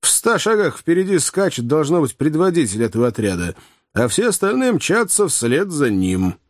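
A man voicing an excitable male hunter in an audiobook, speaking with urgent alarm. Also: on the high side, normal speed, no echo, studio quality. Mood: watchful. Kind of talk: audiobook character reading.

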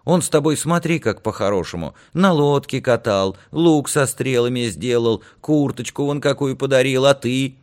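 Sing-song chatty aunt voiced by a male reader, fretful and high, audiobook. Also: normal speed, few pauses, darkish tone, lightly acted. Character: fussing, talkative middle-aged aunt.

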